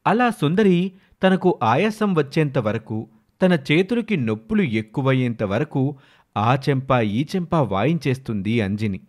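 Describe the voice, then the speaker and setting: A man narrating a moral story for a cartoon in a steady, plain storytelling manner. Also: mid-range voice, unhurried.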